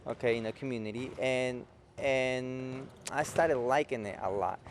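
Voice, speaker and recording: In an indoor futsal facility, a forty-something man from Peru who coaches young futsal players talks to local cable TV, explaining simply and checking in with "okay?". His voice is medium in pitch and unhurried, with slight background noise.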